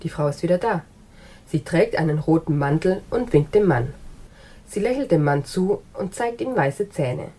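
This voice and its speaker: A woman narrating an absurdist short story in an even, matter-of-fact reading. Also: fairly low pitch, normal speed.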